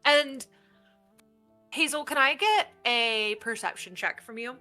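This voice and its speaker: A woman narrating a tabletop game as game master, building descriptions haltingly, phrase by phrase. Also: sits high, animated, pushed and bright, soft background music.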